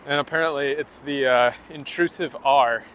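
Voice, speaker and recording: A man's voice: mid-range voice, steady tone, fairly bright tone. A man hosting a livestream, chatting casually and joking with internet slang as he walks outdoors. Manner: jokey, quick, internet slang. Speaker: livestream host. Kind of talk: casual chat while walking. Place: outdoors on city streets. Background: faint street noise.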